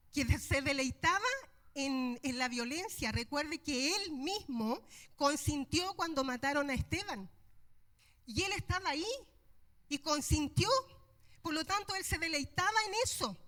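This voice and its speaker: A woman's voice: high voice, a bit bright. A middle-aged woman preacher delivering an impassioned, emphatic sermon.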